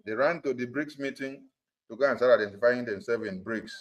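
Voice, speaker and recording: Talking fairly quickly in a mid-range voice, a man addresses supporters over a conference call with a political message. He's emphatic and keeps repeating and hammering his points, captured on a phone or computer through a dull, lo-fi line.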